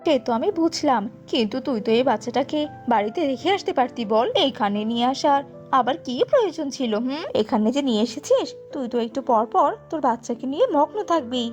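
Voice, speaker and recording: A woman's voice: high voice, lively intonation, fast, a little mellow, soft background music. A woman voicing a haughty, mocking rich mistress of a house in a cartoon. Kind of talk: cartoon voice acting.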